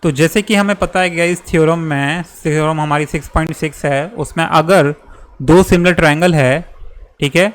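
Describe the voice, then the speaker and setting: Speaking at a moderate pace in a slightly high voice, a young man teaches maths, leading his students patiently through each step of a geometry proof. He frequently repeats points and asks "theek hai" to make sure they follow.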